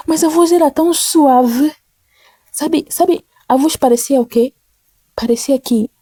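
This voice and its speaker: A woman preaching informally, earnest and repeating her phrases, slowing down to read scripture softly. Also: on the high side, breathy edge, dry recording. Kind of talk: informal devotional teaching.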